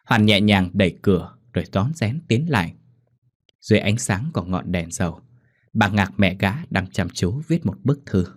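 A man narrating a ghost story in a dramatic, expressive way. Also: deep voice, normal speed. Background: faint music.

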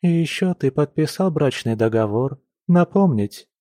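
A man reading an audiobook, voicing a cold, domineering young noblewoman who speaks quietly and with menace. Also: on the high side, animated, normal speed, no room sound, clean studio sound, pitched above the performer's own voice, lightly acted. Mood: icy, menacing. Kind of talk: audiobook character voice.

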